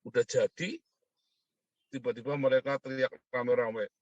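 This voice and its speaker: A man's voice: medium pitch, fairly even intonation, moderate pace, darkish tone, no room sound, muffled recording. A man delivering a mocking, provocative monologue, constantly asking for agreement. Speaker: online commentator. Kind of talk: ranting monologue.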